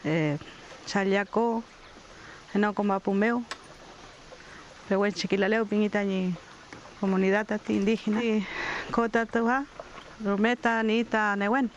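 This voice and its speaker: An older community leader from southern Chile, giving a slow, reflective documentary testimony with pauses. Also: mid-range voice, highs cut off, slight background noise. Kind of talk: documentary testimony mixing Spanish and Mapudungun.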